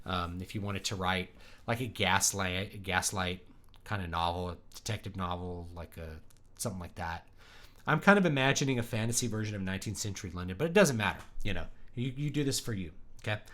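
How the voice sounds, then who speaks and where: A man's voice: sits low, a little fast, a bit bright. A man giving a casual live-stream writing lesson, thinking aloud and stating his opinions plainly.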